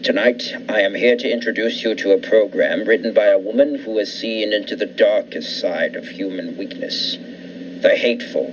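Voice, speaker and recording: A man playing a haughty, sinister host who introduces a 1940s radio thriller in a dramatic, deliberate, ominous way. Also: lowish voice, lightly acted. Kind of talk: 1940s radio suspense narration. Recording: distant, noisy mic.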